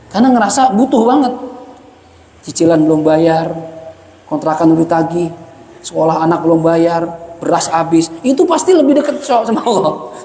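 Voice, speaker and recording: Male religious teacher, high voice, jokey mosque lecture, echoey hall. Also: animated, moderate pace, long pauses, warm tone. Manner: joking, chatty, reads Arabic then explains it.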